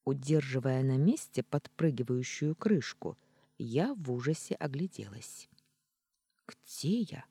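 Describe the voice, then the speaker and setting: Slow, expressive audiobook narrator. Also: mid-range voice, slightly rough, no room sound. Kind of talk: first-person storybook narration.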